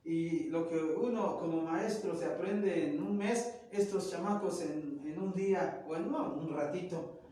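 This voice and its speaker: A man's voice: fairly high pitch, unhurried, mellow. A man teaching classical languages in a classroom lecture, methodically explaining grammar term by term. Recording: echoey room, mic far off.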